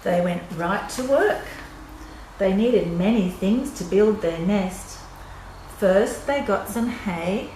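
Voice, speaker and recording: Taking it slowly in a mellow, animated, medium-pitched voice, an older woman shares a children's story in simple phrases with casual remarks to young listeners. The room sounds echoey, with a little background noise.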